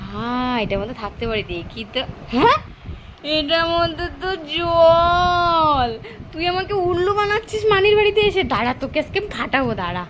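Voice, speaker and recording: A woman filming a casual family vlog, talking with her kids in an animated, playfully scolding way. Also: sits high, fast talker, hardly any pauses, slight background noise. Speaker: family vlogger and mother.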